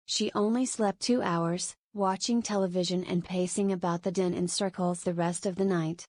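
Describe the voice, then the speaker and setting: A woman narrating a novel as an audiobook in a steady, even reading. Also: on the low side, moderate pace, dry recording. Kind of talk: scripted narration.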